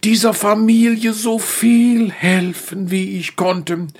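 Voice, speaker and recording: A man voicing a gentle, devoted male donkey, telling the story in character with a soft, wondering manner. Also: sits high, little pitch movement, slow, full character voice. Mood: awed.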